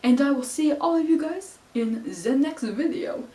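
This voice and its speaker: A young woman vlogger telling a personal story in an animated, self-mocking way. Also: sits high, normal speed, very noisy. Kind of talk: storytelling vlog. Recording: echoey room, far from mic.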